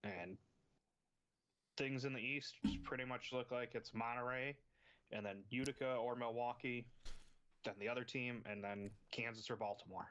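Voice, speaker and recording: A man's voice: mid-range voice, fairly even intonation, moderate pace, a bit bright, clean tone, lo-fi sound. Laid-back man, podcast co-host. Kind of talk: casual sports chat.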